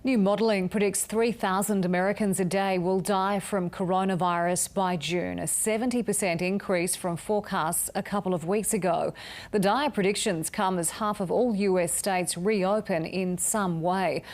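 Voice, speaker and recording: A woman presenter reading scripted news headlines in a measured newsreader manner. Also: medium pitch, steady tone, darkish tone. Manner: crisp, measured newsreader delivery.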